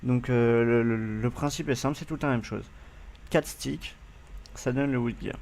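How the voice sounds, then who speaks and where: A man's voice: mid-range voice, moderate pace, gravelly, a little mellow, a little hiss or hum. A man with a French accent hosting a game tutorial, speaking casually with many fillers and hesitations as he addresses viewers. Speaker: gaming tutorial host.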